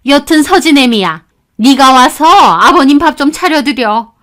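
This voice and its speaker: A woman voicing a nagging, sharp-tongued older mother-in-law who scolds with contempt. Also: high voice, expressive, unhurried. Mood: complaining.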